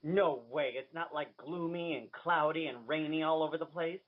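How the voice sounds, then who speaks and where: A man's voice: fairly high pitch, normal speed. A man hosting a radio interview over the phone, gushing, flamboyant and enthusiastic. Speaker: radio host and drag queen. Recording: tinny phone line.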